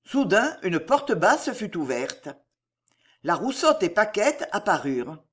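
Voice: mid-range voice, big pitch swings, takes it slowly, fairly bright tone, slightly rough. An audiobook narrator reading a historical adventure novel aloud in a dramatic, vivid storytelling manner.

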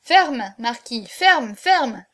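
Woman doing a bold cheeky young woman, loud, high-pitched, storybook. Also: normal speed, natural voice. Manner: loud, cheering.

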